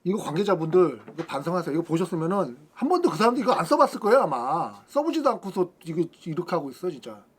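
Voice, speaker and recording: Chatty high-pitched man showing car kits. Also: sing-song, fast, hardly any pauses. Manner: chatty, exclaiming, grumbles at carmakers. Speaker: car channel host. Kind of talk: casual hands-on car demonstration. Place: outdoors in a parking lot beside cars.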